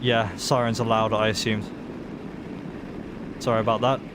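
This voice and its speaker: A man livestreaming a game in casual chat, talking in excitable bro-and-dude slang. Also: on the low side, normal speed, very noisy. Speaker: live game streamer.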